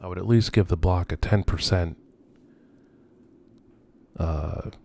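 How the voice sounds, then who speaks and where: A man with a low, slow, dark voice and vocal fry narrates an unscripted urban-exploration tour around abandoned row houses at night. As the video host, he speaks in a subdued, hesitant, musing manner with trailing phrases, and the on-location recording carries a lot of ambient noise.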